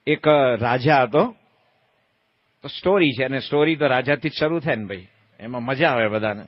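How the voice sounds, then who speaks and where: A man giving a humorous sermon as a monk, telling a folksy story and acting out shouted calls and quoted voices. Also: mid-range voice, no echo, highs cut off. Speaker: monk giving a religious discourse.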